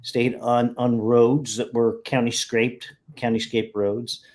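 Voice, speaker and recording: A man's voice: mid-range voice, flat delivery, slow, darkish tone. A man, chatting over a video call as a guest, telling stories in a rambling way that circles back and corrects itself. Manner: rambling, self-correcting storyteller. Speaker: guest geocacher. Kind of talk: casual video-call chat.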